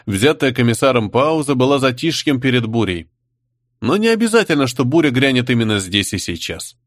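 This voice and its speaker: A man narrating a fantasy audiobook in an expressive storytelling manner. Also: medium pitch, fairly quick, no echo, studio quality. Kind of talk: scripted narration.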